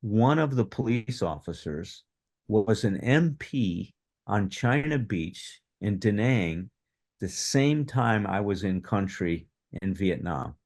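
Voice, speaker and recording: A man in his seventies telling his own story in animated fashion at a recovery workshop, acting out the voices of people in it. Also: on the low side. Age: 70s. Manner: animated, acts out quoted dialogue. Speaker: workshop speaker on addiction recovery. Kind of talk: personal storytelling.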